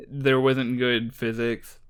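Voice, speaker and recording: Laid-back young man, smooth voice. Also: medium pitch, little pitch movement, slow pace. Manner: laid-back, casual, trails off. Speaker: co-host. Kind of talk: casual chat.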